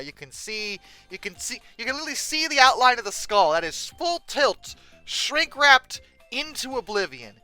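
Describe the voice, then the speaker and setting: Offering off-the-cuff, funny commentary on pictures, this YouTube host stammers and hesitates between fits of theatrical exasperation. The medium-pitched voice sounds sharp yet smooth, with no echo.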